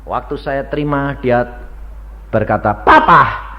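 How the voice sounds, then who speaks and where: Older evangelist, high and animated storyteller, old lo-fi sermon tape. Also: male voice, moderate pace. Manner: animated storytelling, acting out dialogue in many voices. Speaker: evangelist preacher. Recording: dull lo-fi archive recording with faint ambience.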